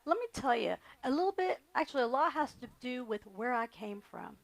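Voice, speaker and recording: A woman's voice: high-pitched, sing-song, fairly quick, vocal fry. A middle-aged woman, a candidate giving earnest, repetitive interview answers. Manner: earnest, repetitive campaign phrasing. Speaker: candidate for county attorney.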